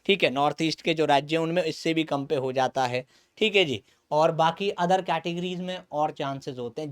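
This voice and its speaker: A man teaching as a coaching instructor, explaining at length, often checking in with the listener and pausing with "uh". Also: high voice. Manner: keeps checking in with "okay", frequent "uh" pauses. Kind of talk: explanatory lecture to students.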